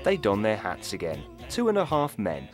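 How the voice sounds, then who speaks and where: A man with a fairly low voice reads scripted descriptions of on-screen action. His pitch moves freely, and loud music from the show plays behind him. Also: huge pitch swings, normal speed. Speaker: audio description narrator.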